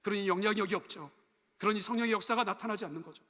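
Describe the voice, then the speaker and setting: A man's voice: high-pitched, very fast, sharp tone. A man pastor preaching an earnest sermon full of rhetorical questions at a Wednesday church service. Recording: echoey church sanctuary.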